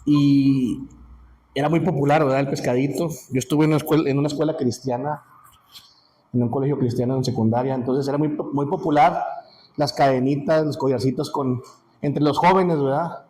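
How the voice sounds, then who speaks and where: A man with a Mexican Spanish accent teaching a Sunday school class in a casual, halting way, full of restarts and check-ins with his listeners. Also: mid-range voice, fairly even intonation, dark tone, slight background noise, rough recording.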